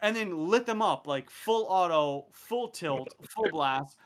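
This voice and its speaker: Animated, profane male storyteller. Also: fairly high pitch, slow, a little hiss or hum. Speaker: podcast guest recounting field exercise. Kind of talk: casual storytelling.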